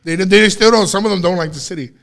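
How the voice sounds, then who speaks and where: A man from Chicago's South Side jokes with friends on a casual podcast. He teases people and acts out what they would say. His voice is a bit higher than most men's. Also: fast talker, a bit bright. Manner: teasing, mimics others in quoted voices. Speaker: podcast co-host. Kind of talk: casual chat.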